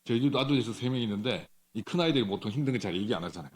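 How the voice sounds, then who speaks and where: A middle-aged man preaching a sermon in a church, speaking conversationally, asking the congregation questions, with some halting restarts. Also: mid-range voice, expressive. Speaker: pastor. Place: church sanctuary.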